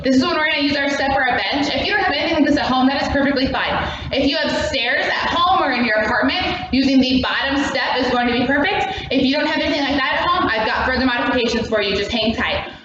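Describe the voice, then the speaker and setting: A woman's voice: high voice, fast, hardly any pauses. A woman leading a workout as an aerobics instructor, demonstrating exercises and counting down in short, encouraging cues. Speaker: fitness class instructor. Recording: echoey room, distant mic, muffled, noisy.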